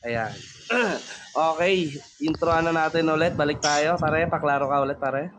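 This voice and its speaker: A man's voice: a little high, measured pace, background noise. A man hosting an online rap battle, laid-back and casually profane. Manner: laid-back, profane, calls everyone pare. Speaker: battle host and MC. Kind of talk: casual hosting over voice chat.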